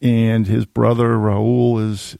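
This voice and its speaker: Older male radio host, very gravelly, dark mellow voice, dry studio sound, rambling questions. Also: medium pitch, flat delivery, slow pace, dry recording. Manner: long rambling questions with many restarts. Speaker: radio talk show host. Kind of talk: radio interview. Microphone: studio microphone.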